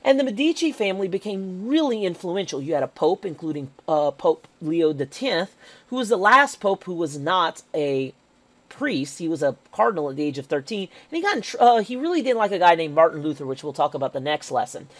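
Lively woman teaching a history lesson. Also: on the low side, fairly quick, no room sound. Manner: lively, emphatic, checks in with "okay?". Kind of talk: recorded history lecture over slides.

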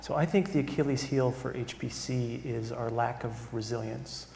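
Gravelly man on an echoey panel stage. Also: mid-range voice, steady tone, normal speed, a little mellow. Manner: conversational, emphatic, tags points with "right?". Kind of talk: conference panel discussion. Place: large conference hall stage. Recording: echoey hall with faint room noise.

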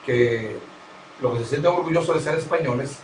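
This man, a veteran radio broadcaster with a Dominican accent, speaks at normal speed in a mid-range voice during a conversational interview. He is emphatic and instructive, lecturing and returning to his key points. The sound is roomy from a distant mic, with slight background noise.

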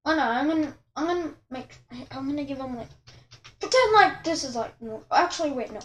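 A woman's voice: high-pitched, lively intonation, brisk, fairly bright tone, roomy sound. A woman hosting her channel, chatting casually with viewers as she draws, rambling and often correcting herself. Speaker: channel host. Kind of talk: casual commentary while drawing.

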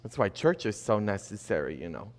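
A man's voice: on the low side, sing-song, fairly quick. A middle-aged man, a priest, preaching a sermon from a church pulpit, building emphasis and tossing in rhetorical questions. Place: church sanctuary, indoors. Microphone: fixed camera at a distance, pulpit. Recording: long reverb of a church hall.

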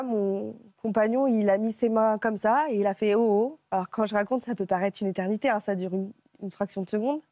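A woman speaks as a guest on a television talk show, recounting a personal ordeal. Her voice is mellow and warm, recorded dry and close on a lapel mic. She talks haltingly, breaking off and restarting as she searches for words. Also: medium pitch, dry recording. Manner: halting, emotional retelling with many restarts. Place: TV studio set.

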